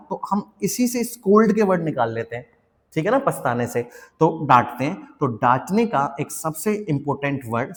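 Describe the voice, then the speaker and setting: A young adult man with an Indian English accent and a fairly high voice teaches vocabulary, addressing his students fondly and having them repeat each word. He slows down deliberately for English example sentences. His voice rings with the long reverb of a large hall. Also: darkish tone. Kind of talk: classroom vocabulary lesson.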